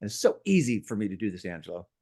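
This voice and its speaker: A man who teaches real estate, talking in an interview with a lively, playful, emphatic manner from his home. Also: fairly low pitch, rapid-fire. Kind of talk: interview conversation. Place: at home near an outdoor deck.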